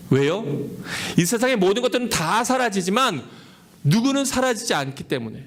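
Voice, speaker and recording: A man's voice: high voice, a bit bright. A man preaching a sermon as pastor, earnest and asking his congregation questions. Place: church service held in a cinema hall.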